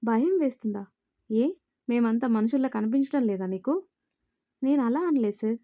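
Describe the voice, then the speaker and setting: A commanding, short-tempered young boss from a spoken storybook, read by a woman. The tone is mellow and dry, at a fairly high pitch. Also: moderate pace, no echo, lightly acted. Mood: stern. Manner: commanding, scolding.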